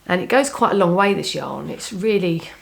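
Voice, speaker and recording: A knitting vlogger with a cold, her voice slightly croaky, chats casually to camera about her knitting plans, rambling and often restarting. Her voice is lowish and animated, and she speaks at normal speed.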